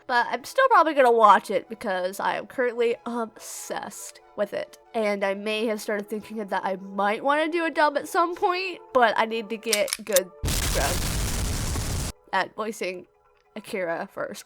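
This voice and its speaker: Over background music, a YouTube creator who does amateur comic dub voice acting reads out her viewers' questions. Her voice is slightly high and fairly bright, and her answers are relaxed, meandering, giggly, and self-deprecating.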